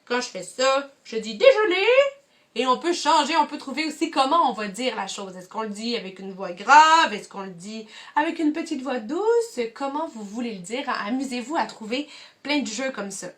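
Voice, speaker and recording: A woman's voice: on the high side, animated, normal speed, a bit bright. A young woman with a Quebec French accent, leading kids through a movement activity from home as a cultural mediator, encouraging and addressing viewers directly. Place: home, indoors.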